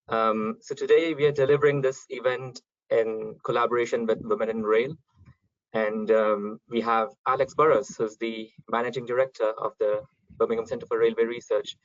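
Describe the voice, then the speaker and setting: A man's voice: medium pitch, no room sound. A young man hosting an online talk, introducing speakers with many ums over a computer mic. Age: young adult. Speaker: event host, chairman. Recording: dry, dull lo-fi call audio.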